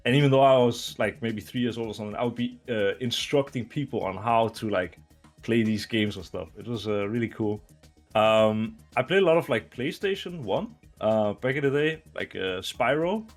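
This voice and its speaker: Danish-raised man in his twenties, relaxed. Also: mid-range voice, normal speed, faint music behind. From Denmark. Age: 20s. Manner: relaxed, rambling answers full of fillers and laughs. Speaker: interview guest, retired esports player. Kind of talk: casual video interview.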